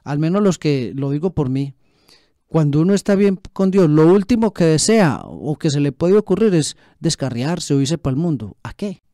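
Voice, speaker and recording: A man's voice: a little high, big pitch swings, moderate pace, dark tone, no echo, studio quality. A man preaching a sermon as a pastor, asking rhetorical questions and repeating phrases for emphasis.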